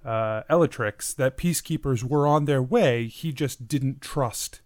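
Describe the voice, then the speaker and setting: Brief: man as game master and host, mid-pitched, storyteller delivery for a tabletop adventure podcast. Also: unhurried.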